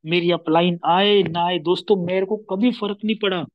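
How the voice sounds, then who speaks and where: A man with an Indian accent giving a rousing motivational training talk to his team. His voice swings from loud, emphatic peaks down to soft trailing phrase endings. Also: high voice, steady tone, moderate pace, no room sound, lo-fi sound. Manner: rousing, repeats "my dear friend" and "dosto" often; drops to near-murmur at phrase ends.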